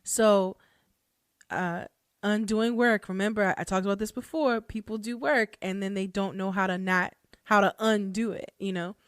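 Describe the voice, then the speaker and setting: A woman's voice: mid-range voice, steady tone, normal speed, clear, resonant tone, no room sound, studio quality. A woman hosting a casual solo podcast, talking loosely with plenty of fillers, restarts and frequent laughter. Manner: chatty, laughs often, many fillers and restarts. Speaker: podcast host and hoodoo practitioner.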